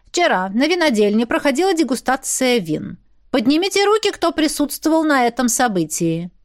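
A woman's voice: high voice, very animated, normal speed, voice pushed up. A woman voicing a stern, suspicious older man who questions people in an accusing, official tone.

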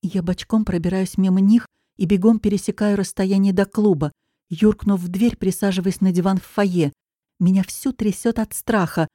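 A woman narrating a first-person audiobook with dramatic, expressive storytelling. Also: mid-range voice, normal speed, no room sound, studio quality.

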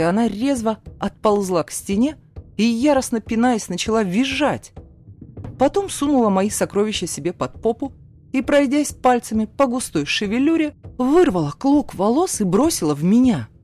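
A woman narrating a novel in the first person in a steady storytelling voice. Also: on the high side, normal speed, faint music behind. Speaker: audiobook narrator.

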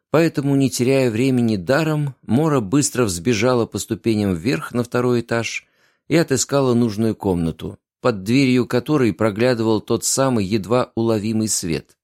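A man reading a story aloud in steady scripted narration. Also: medium pitch, no echo, studio quality. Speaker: audiobook narrator.

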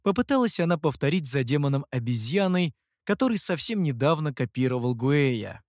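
An audiobook narrator giving an expressive scripted narration. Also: medium pitch, normal speed, no room sound, studio quality.

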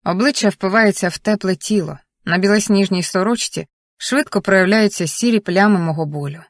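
An audiobook reader narrating in the first person with soft, steady, emotional storytelling. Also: medium pitch, a little fast, dry recording, clean studio sound.

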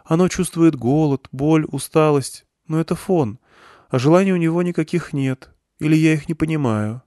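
A man's voice: on the high side, normal speed, warm tone, no room sound, clean studio sound, voice pushed up, natural voice. A man doing a thin-voiced frightened teen girl. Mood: plaintive. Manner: thin, plaintive, hysterical when upset. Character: frightened teenage girl with strange powers.

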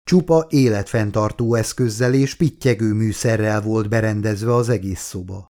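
A man narrating an audiobook in a steady, measured reading. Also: lowish voice. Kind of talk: scripted narration.

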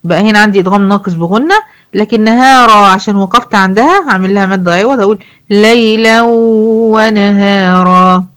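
A woman with an Egyptian accent teaching tajweed, explaining rules in casual speech and reciting verse examples slowly. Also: medium pitch, a bit bright. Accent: Egyptian Arabic. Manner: asks students questions and answers them herself.

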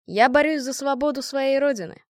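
A woman's voice: sits high, brisk, no echo, clean studio sound, pitched above the performer's own voice, natural voice. A woman voicing a proud, courteous Irish freedom fighter who speaks in a formal, gallant way.

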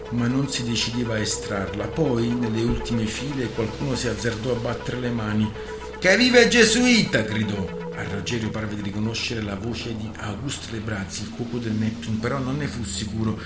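A man's voice: mid-range voice, steady tone, normal speed. Man reading a novel with music. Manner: theatrical narration. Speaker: radio reader. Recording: roomy with music behind.

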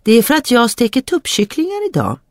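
Reader doing a bossy princess, high and snappy, dry sound. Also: huge pitch swings, no room sound. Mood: curt, dismissive. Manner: curt, snapping. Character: haughty, impatient young princess.

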